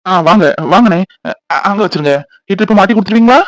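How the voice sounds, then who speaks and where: A man's voice: high voice, fast talker, dry recording, lightly acted, rough recording. A man voicing a young cartoon husband and father who teases his wife and uses baby talk with his daughter. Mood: teasing. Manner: playful, teasing, baby talk to the child.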